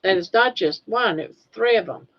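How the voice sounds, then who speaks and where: An older woman from Maine, USA hosts a casual livestream, reading comments from the chat, rambling and laughing easily. She speaks in an animated, mid-range voice at a moderate pace. The stream audio sounds dull and lo-fi.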